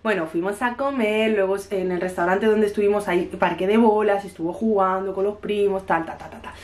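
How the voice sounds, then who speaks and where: A woman's voice: medium pitch, fairly even intonation, fairly quick. Chatty mother from Spain with a cough. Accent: Spanish from Spain. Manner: chatty storytelling, acts out the dialogue. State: coughing, has a cold. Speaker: family vlogger, mother. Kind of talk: casual chat to camera. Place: home kitchen.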